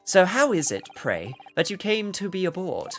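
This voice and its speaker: A man's voice: high-pitched, big pitch swings, normal speed, fairly bright tone, faint music behind, voice pushed up, exaggerated voice. A man voicing an eccentric, inquisitive detective in a video game, with pompous, theatrical phrasing. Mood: probing, theatrical. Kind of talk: video game voice-over read aloud.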